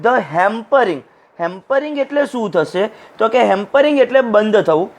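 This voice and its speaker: A male teacher with a high-pitched voice talks through a lesson text. He translates each phrase as he goes and acts out short bits of dialogue. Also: lively intonation, moderate pace. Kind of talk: classroom lecture explaining an English text. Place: recorded for an online class.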